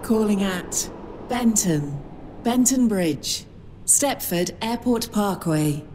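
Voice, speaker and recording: Slow, measured automated station announcement woman. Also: medium pitch, expressive, darkish tone, a little hiss or hum. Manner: measured, evenly spaced announcer delivery. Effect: automated train station announcement. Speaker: platform announcer.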